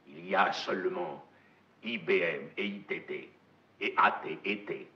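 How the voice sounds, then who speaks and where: An actor playing a domineering, messianic corporate magnate in a film monologue, with hammy, theatrical stage declamation and a gravelly voice. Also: male voice, sits low, measured pace. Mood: hushed, evangelical. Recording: dull, echoey film soundtrack.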